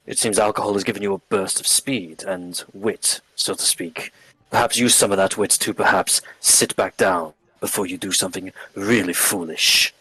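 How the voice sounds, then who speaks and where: A man voicing a calm foreign male stranger in a tabletop game, measured, formal and cold. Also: sits low, slightly rough, dry recording, exaggerated voice, low-quality recording. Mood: cool.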